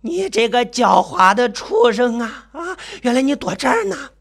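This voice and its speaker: A man voicing a frenzied, grieving mother who screams curses through wailing sobs, her voice shrill and piercing. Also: big pitch swings, normal speed, vocal fry, a bit bright, heavily acted. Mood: murderous screaming. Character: grieving mother, frenzied, shrieking, sobbing woman.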